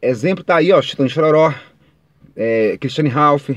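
A man's voice: a little high, expressive, normal speed, no room sound, highs cut off. A man, giving casual singing tips in a chatty, rambling way, speaking straight to his viewers. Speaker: singing teacher. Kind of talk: casual vocal tips talk.

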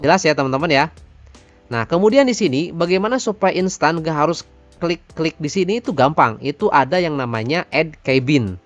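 A man, giving an informal software tutorial and addressing viewers like friends. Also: on the high side, animated, moderate pace, no room sound, soft background music. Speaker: tutorial presenter.

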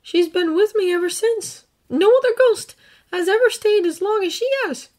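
A woman voicing an earnest teenage boy who sees ghosts, speaking softly and haltingly in a fan fiction audiobook reading. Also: very high-pitched, voice pushed up. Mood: tender. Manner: soft, halting, emotional.

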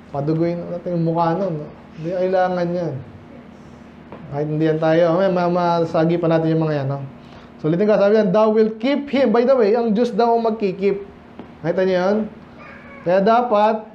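High-voiced Filipino pastor in echoey church. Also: male voice, mellow, lo-fi sound, slight background noise. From Philippines. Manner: conversational, asks the congregation questions, mixes English and Tagalog. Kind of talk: midweek Bible study preaching. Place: church hall.

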